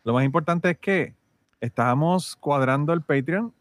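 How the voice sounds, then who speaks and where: A man's voice: on the high side, no room sound. A man, co-hosting a podcast in joking, rambling casual banter. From Puerto Rico. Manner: joking, rambling, drawn-out asides. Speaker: podcast co-host.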